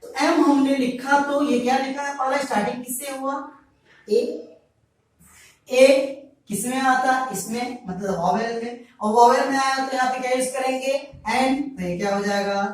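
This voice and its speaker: A man's voice: very high-pitched, fairly even intonation, moderate pace. A male teacher giving a grammar lesson to students, repeating each point and answering his own questions. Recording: very echoey room, voice far from mic.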